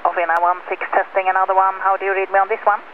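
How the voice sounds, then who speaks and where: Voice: medium pitch, little pitch movement, racing. An air traffic controller giving clipped instructions, heard over aviation radio. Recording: distant tinny radio transmission.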